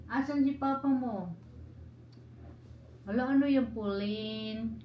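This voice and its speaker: A woman's voice: a little high, takes it slowly, lo-fi sound. A woman in her thirties, a home vlogger, cooing at babies in a sing-song baby-talk voice. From Philippines. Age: 30s. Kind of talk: casual home vlog, talking to babies. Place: family home, indoors. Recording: echoey room, faint noise.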